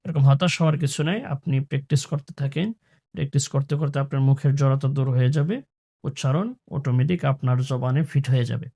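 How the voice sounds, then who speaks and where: A man teaching Quran pronunciation, chanting phrases slowly and then explaining in a quick, lower voice. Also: vocal fry, dark tone. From Bangladesh. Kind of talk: slow drawn-out recitation drills with quick spoken instructions.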